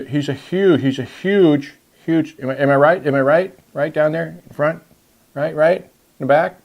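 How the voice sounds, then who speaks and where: A man's voice: on the high side, darkish tone. A man co-hosting a comedy show with showy, mock-serious banter. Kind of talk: comic banter.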